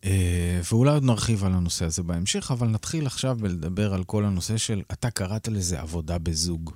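Male podcast host, low voice, reflective chatty delivery, dry studio mic. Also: a little mellow, no room sound. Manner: conversational, reflective, open about himself. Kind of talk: casual interview chat.

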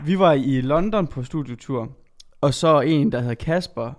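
A young man co-hosting a podcast, telling a story in a relaxed, chatty way. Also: mid-range voice. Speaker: podcast co-host. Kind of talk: casual storytelling chat.

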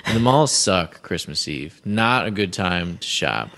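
A man's voice: low voice, big pitch swings, a little slow, creaky, a bit bright. A man co-hosting a podcast, chatting casually with blunt, matter-of-fact quips. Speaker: podcast co-host. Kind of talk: casual chat.

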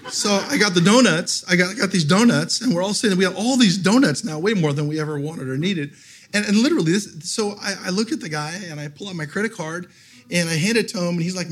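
Preaching to a live congregation in a church, a middle-aged guest pastor whose voice is fading tells humorous stories and laughs frequently. His voice sits high and sounds slightly rough.

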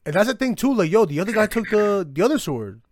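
A man's voice: high-pitched, big pitch swings, fast talker, darkish tone, no echo. Young male anime podcast co-host, frat-bro delivery, loose profane slang, very dry recording. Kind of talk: casual anime discussion chat.

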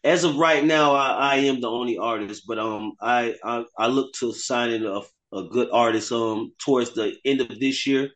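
A man from South Florida, a guest artist, talking casually over the phone in a relaxed, hesitant way with many fillers. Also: medium pitch, moderate pace, hardly any pauses.

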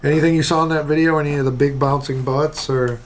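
A man's voice: fairly high pitch, fairly even intonation, fast, a little hiss or hum. A man hosting a podcast in casual chat, asking probing follow-up questions. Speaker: podcast host.

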